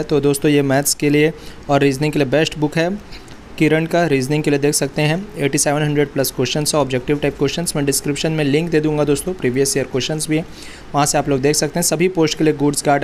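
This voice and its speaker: Friendly guy hosting a casual interview, bit high voice, faint crickets outside. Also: a little mellow, slight background noise. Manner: friendly, addresses viewers as friends. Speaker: interviewer and channel host.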